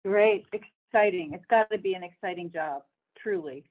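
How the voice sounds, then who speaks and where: A woman's voice: fairly low pitch, moderate pace. A woman co-hosting a podcast interview, asking questions in a conversational, rambling way. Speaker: podcast co-host. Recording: phone-like line.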